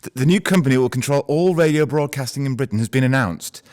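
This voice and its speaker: A man's voice: medium pitch, quick pace, a little mellow, slight background noise, lightly acted. An actor playing an earnest, hesitant 1920s male broadcasting manager in an amateur radio play, stammering at the start of his lines. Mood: nervous.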